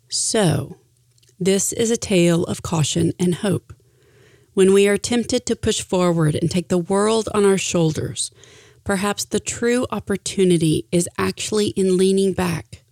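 A middle-aged woman reading a personal reflection aloud in an earnest, deliberate way with emphatic phrasing. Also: lowish voice, creaky, a little mellow, dry recording, studio quality. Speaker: speaker sharing a personal reflection.

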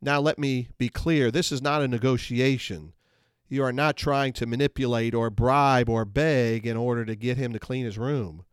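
A man speaks in an earnest, measured way, teaching parents on a faith-based podcast. His mid-range voice comes through a close mic with a dry, dead sound and no room echo. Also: medium pitch, steady tone, clean tone. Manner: earnest, measured instructional delivery. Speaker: podcast host.

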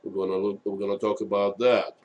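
A man hosting an unscripted live stream of political commentary, speaking haltingly with many filled pauses. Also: lowish voice, flat delivery, darkish tone. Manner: halting, frequent long hesitations and filled pauses.

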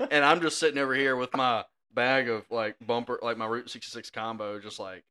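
A young man, a podcast co-host telling a family story in a casual, animated way and laughing often. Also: medium pitch, a little fast, clear, resonant tone.

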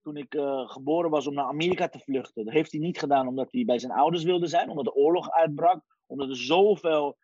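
A man in his forties from Iran, a guest telling his life story in a lively casual way, sprinkling in English phrases. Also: on the high side, fairly quick, hardly any pauses, breathy edge, no room sound. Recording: dry, dull lo-fi sound.

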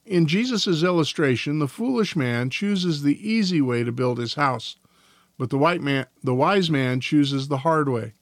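A man with a somewhat high voice reads devotional passages and old confession text aloud as a podcast host. He goes at a careful, measured pace and sometimes stumbles over a word and corrects himself. The recording is dry and close, with no room sound. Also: lively intonation, dry recording. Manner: careful reading, now and then trips over words.

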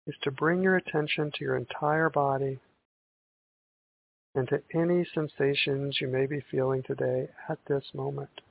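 A man guiding a breathing meditation in a calm, gentle, meditative tone, on a thin band-limited recording. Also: medium pitch, vocal fry. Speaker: meditation guide. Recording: tinny band-limited audio with hiss.

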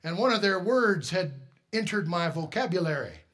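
A middle-aged male pastor preaching a sermon, telling a personal story, shifting from quiet asides to loud, emphatic peaks. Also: sits high, animated, normal speed.

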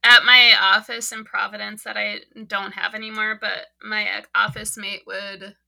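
A woman's voice: mid-range voice, flat delivery, moderate pace, vocal fry, pushed and bright. A woman podcast co-host in casual chat, candid and swearing freely.

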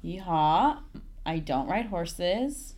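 A woman's voice: fairly low pitch, a little fast. A young woman from Texas, a guest on a casual podcast, giggly and dramatic, with lots of "like" fillers. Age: young adult. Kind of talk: casual chat.

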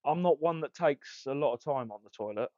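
A man's voice: a little high, expressive, brisk, darkish tone. Man, laid-back podcast co-host, out of breath, muffled lo-fi sound. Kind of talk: casual live podcast chat.

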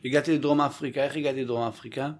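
A man in his thirties telling stories in a casual chat and acting out what people said. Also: mid-range voice. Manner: animated storyteller, acts out quotes. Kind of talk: casual storytelling.

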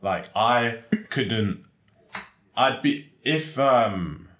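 A young man, chatting casually and telling animated school stories. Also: medium pitch, very slow. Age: young adult. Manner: animated storyteller, acts out quoted teachers. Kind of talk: casual chat. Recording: roomy echo.

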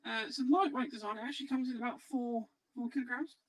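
A man hosting a casual livestream, talking through a voice changer that pitches his voice up to sound like a girl, hesitant with many ums. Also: steady tone, fast talker, a bit bright, dry recording, low-quality recording. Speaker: podcast host.

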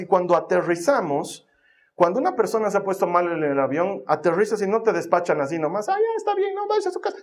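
Male pastor, high voice, storytelling sermon with emphatic repeats. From Bolivia.

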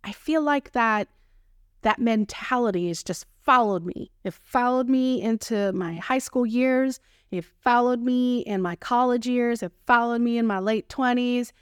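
A Texan podcast host in her thirties runs through a solo monologue in a playful, slangy style, cheering herself on along the way. Her slightly high voice is smooth, resonant and unhurried, and the recording is dry with no room echo.

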